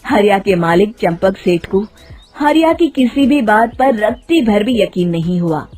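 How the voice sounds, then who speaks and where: Woman narrating a kids story, slow n very expressive, soft music behind. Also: medium pitch. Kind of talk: scripted children's story narration.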